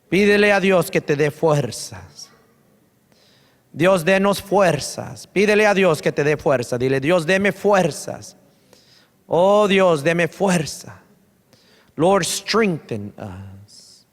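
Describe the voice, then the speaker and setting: A man serving as pastor, leading a congregation in fervent altar prayer. He, switches languages mid-prayer, and repeats pleading phrases. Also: a little high. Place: large church sanctuary. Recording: long church-hall reverb.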